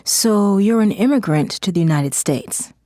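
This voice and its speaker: An actress voicing an attentive interviewer asking questions in a scripted textbook interview. Her voice is mellow and lively in pitch, recorded close and dry. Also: normal speed, no echo, natural voice.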